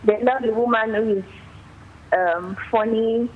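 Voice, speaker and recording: A woman calls in and is heard over the phone, her fairly high voice squeezed thin by the line under a light hiss. She speaks slowly in halting, broken phrases. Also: fairly even intonation, phone-quality sound. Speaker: caller.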